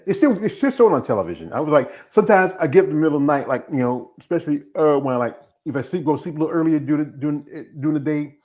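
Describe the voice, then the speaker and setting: A man's voice: fairly high pitch, lively intonation, racing, few pauses, darkish tone. A man in his fifties hosting a live stream, chatting casually and drifting from one tangent to the next. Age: 50s. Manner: rambling, jumps between tangents. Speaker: host of a bodybuilding live stream.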